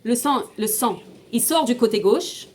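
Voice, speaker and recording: A woman's voice: a little high, lively intonation, unhurried, darkish tone. A woman teaching an informal class, explaining step by step, asking her students questions and often restarting and repeating words. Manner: mixes in Hebrew terms.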